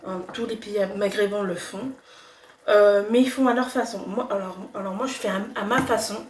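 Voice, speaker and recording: A young cooking vlogger with a slight cold talks at a medium pitch and moderate pace, casual but hesitant, full of fillers and restarts. Her voice is distant in an echoey home kitchen, with a little hiss or hum alongside the sizzling pan and stirring.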